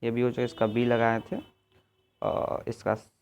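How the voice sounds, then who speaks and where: Exam-prep tutor, repetitive, self-correcting, mid pitch. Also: monotone, measured pace, darkish tone, dull audio, slight background noise. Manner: checks in with "ठीक है" and "आगे देखिए". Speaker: teacher. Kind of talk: exam answer walkthrough lesson.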